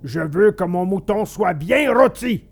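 A man voicing a gruff bearded male puppet master with a hollow, gravelly voice, barking orders though soft at heart. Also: high voice, animated, unhurried, pitched above the performer's own voice, full character voice. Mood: commanding. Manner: barks orders, then softens.

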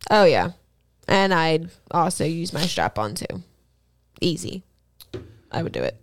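A woman's voice: deep voice, sing-song, unhurried, slight background noise. A woman co-hosting a casual podcast, talking frankly and laughing often. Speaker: podcast co-host. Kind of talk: casual explicit chat.

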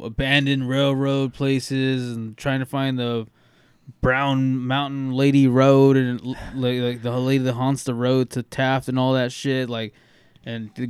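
A man's voice: medium pitch, darkish tone, clear, resonant tone. A man with an exceptionally clean, resonant voice talks casually on a podcast, stringing loose thoughts together with the odd swear word. His sentences run on and trail off, and the close-miked sound is dry and free of echo. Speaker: podcast co-host. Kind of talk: casual chat.

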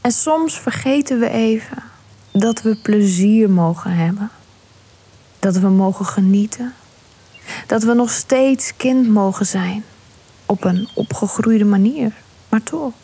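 A woman leads a guided meditation in a slow, unhurried way. Her voice is mellow and breathy, and she often drops into a hushed whisper. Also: mid-range voice.

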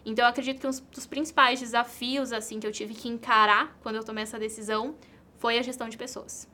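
A woman's voice: fairly high pitch, flat delivery, quick pace, sharp tone. A woman from Brazil, an entrepreneur and content creator answering interview questions in an earnest way, repeating key phrases for emphasis.

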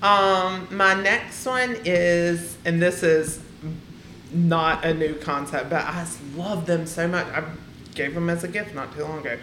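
Chatty woman with a low voice in a roomy space. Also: measured pace, fairly bright tone, a little hiss or hum. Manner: chatty, filler-heavy with frequent "like". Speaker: podcast co-host. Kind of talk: casual chat. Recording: roomy echo.

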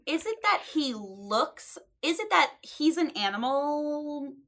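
A woman co-hosts a casual podcast, asking questions in a playful, curious way. Her voice sits a little higher than most. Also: very animated, takes it slowly, a bit bright. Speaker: podcast co-host. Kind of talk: casual chat.

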